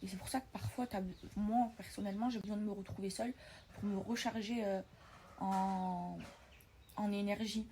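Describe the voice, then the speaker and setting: A young French woman talking casually to her viewers from bed, often in a hushed voice. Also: medium pitch, steady tone, normal speed, a little hiss or hum. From France. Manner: chatty, hushed at night, calls viewers "les filles". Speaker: vlogger. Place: bedroom, in bed.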